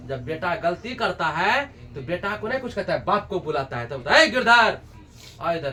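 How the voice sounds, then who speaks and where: A male teacher retells a story for students in a lively way and keeps asking them quick questions. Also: high voice, recorded from a distance. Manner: lively, with constant check-in questions.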